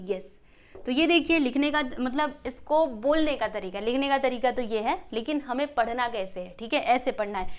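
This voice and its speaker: A woman teaching a maths lesson step by step. She keeps asking the class questions and adds "ठीक है" after almost every point. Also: high-pitched.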